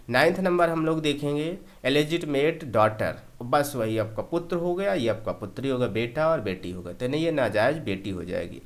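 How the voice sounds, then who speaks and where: A man teaching English vocabulary in a slow classroom style, often checking whether the point is clear and repeating each meaning. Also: mid-range voice. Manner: explains slowly, keeps asking "clear?" and repeating meanings.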